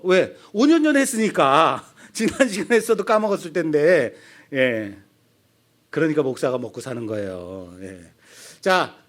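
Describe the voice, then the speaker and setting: A middle-aged man preaching an expository sermon as pastor, with a Seoul accent, asking the congregation questions and acting out the people he quotes. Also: high voice. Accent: Seoul Korean. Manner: animated, acts out quoted voices of people; asks the congregation questions and answers them.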